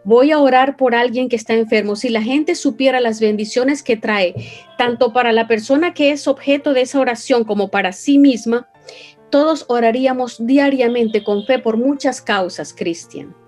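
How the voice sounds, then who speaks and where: A woman's voice: on the high side, moderate pace, darkish tone, faint music behind. A Venezuelan woman with a Venezuelan accent, earnestly telling an emotional personal story as an interview guest. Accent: Venezuelan Spanish. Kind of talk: personal testimony.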